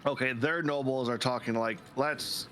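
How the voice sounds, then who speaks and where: A man's voice: medium pitch, brisk, fairly bright tone, slight background noise. A man playing a story game on a shared stream, reading dialogue aloud and chatting casually, sometimes stumbling over words.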